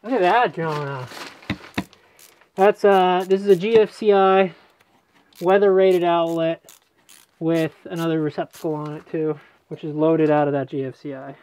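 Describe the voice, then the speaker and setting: Down in a cramped basement crawl space, an electrician host walks the camera through his wiring work in a casual, joking manner. His voice is fairly high and darkish, with fairly even intonation, a moderate pace, and frequent pauses, over slight background noise.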